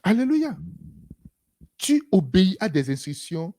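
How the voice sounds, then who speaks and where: A preacher giving an animated sermon, breaking it up with frequent hallelujahs and acted-out exchanges. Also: mid-range voice, a little slow. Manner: animated, repeats "Alléluia", acts out dialogues.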